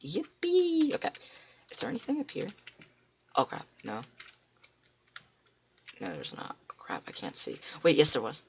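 A teenage boy with a cracking voice, rambling excitedly to himself as he plays a computer game. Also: medium pitch, moderate pace, gravelly, pauses often, highs cut off, a little hiss or hum. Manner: excitable, rambling, talks to himself while playing. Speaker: gamer. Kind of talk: casual game commentary. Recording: loud keyboard clicks and typing.

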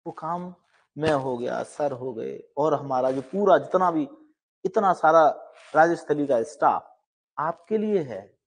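A middle-aged man coaching law exam students with an earnest, emphatic motivational talk that swings between emphatic rises and quiet asides. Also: fairly high pitch, animated, a little slow, slightly rough.

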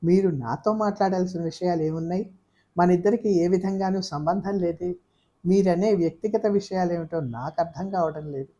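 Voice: medium pitch, normal speed, warm tone, lightly acted. A reader voicing a scornful, angry young woman in an audiobook of a novel. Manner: scornful, accusing. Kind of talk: audiobook character voice.

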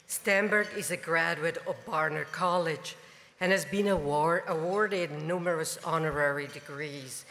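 A woman speaks through a hoarse, laryngitis-roughened voice, pitched low. She reads a formal introduction at a podium, her words ringing out in a large dinner hall with faint background hiss. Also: a bit bright. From Italy. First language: Italian. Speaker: event speaker introducing keynote. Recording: hall reverb, faint noise.

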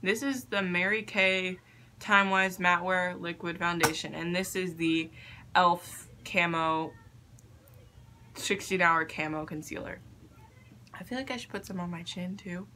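A young woman vlogging casually, halting and unsure of herself, with a self-deprecating way of talking. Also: on the low side, steady tone, pushed and bright. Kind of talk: casual makeup vlog chat. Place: attic bedroom, indoors. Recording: faint background noise, room ambience.

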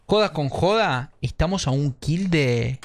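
A man with an Argentine accent giving excitable live gameplay commentary, swearing and mixing in English slang. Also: fairly high pitch, unhurried. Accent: Argentine Spanish. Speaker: streamer.

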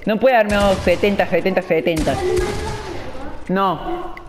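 A man's voice: sits high, slow, big-room sound, heavy background noise. A young man, playing online and reacting with frustrated exclamations. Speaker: gamer. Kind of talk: casual gaming chat.

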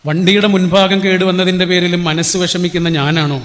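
A middle-aged man gives an inspirational speech in a fairly high voice. He tells stories and throws rhetorical questions to the crowd. A long reverb trails after his words in the hall. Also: fairly even intonation, brisk. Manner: storytelling, rhetorical questions to the audience. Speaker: motivational speaker.

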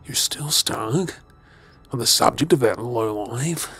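A creepy, obsessive male captor acted by a man speaks slowly in an ASMR role-play, with music behind him. He is menacingly tender, leaving hesitant pauses and softly mocking the one he holds. His pitch sits in an ordinary middle male range. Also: animated, breathy edge, exaggerated voice. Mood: sinister, taunting.

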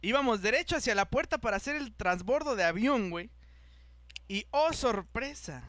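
Young male podcast host with a Mexican accent. Lively, slangy storyteller with a high voice. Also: normal speed, slight background noise. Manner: animated, acts out the voices of people in his story, heavy slang. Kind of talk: casual storytelling chat.

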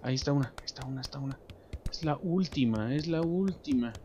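A young man with a Mexican accent giving joking, animated let's play commentary, talking to himself and his viewers as he plays. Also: medium pitch, quick pace, a little hiss or hum. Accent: Mexican Spanish. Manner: animated, jokey, talks to himself and viewers while playing. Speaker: gameplay commentator. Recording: background game music.

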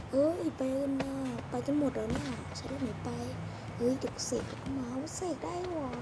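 A woman giving excitable game commentary with crude slang, hopping between voices for the characters she plays, over a noisy background. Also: sits high. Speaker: gamer. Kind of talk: game commentary with role-play.

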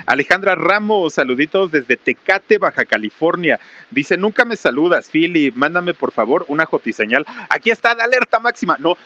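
A man's voice: fairly high pitch, very animated, normal speed, bright, forceful tone, lo-fi sound. A man hosting a live stream outdoors under a small roof in heavy rain, reading out viewer greetings in a raised, casual voice. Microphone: camera mic with crew nearby.

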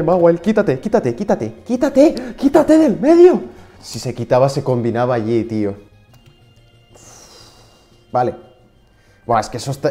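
Young male gaming creator, Spain Spanish accent, relaxed mellow voice, casual excitable play-by-play with frustrated outbursts. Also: medium pitch. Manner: excitable, shouts in frustration at the game. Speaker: gaming YouTuber. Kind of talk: casual gameplay commentary.

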